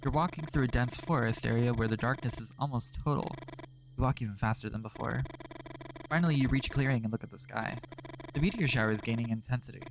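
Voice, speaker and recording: Guy streaming a story game, reads the text out then swears and snarks at it, mid pitch. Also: quick pace, background noise. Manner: profane, sarcastic asides. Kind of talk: reading game text aloud with reactions.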